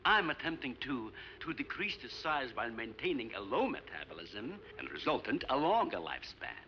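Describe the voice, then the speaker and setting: A man's voice: mid-range voice, big pitch swings, moderate pace, a little hiss or hum, lightly acted. An actor playing an older male scientist who hosts guests on an island, speaking in a formal, explanatory manner. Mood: earnest. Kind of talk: 1950s film acting. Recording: dull old film soundtrack with faint music.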